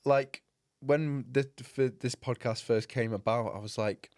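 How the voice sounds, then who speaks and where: Young guy cohosting, jokey, laughs a lot, mid pitch, dry close sound. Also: fairly even intonation, a little mellow, no echo. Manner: jokey, laughs often, quick asides. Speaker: podcast co-host. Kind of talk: casual chat.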